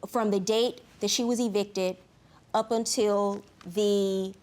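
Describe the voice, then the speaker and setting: A woman judge in a TV courtroom, questioning the parties in a stern, deliberate way. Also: mid-range voice, fairly even intonation, darkish tone.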